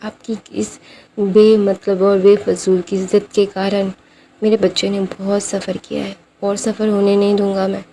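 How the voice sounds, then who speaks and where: A fierce mother defending her child, firm and threatening, with a dark, gravelly voice, as a woman storyteller puts her on. She speaks in a spoken fan-story retelling. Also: mid-range voice, little pitch movement, unhurried, a little hiss or hum, natural voice.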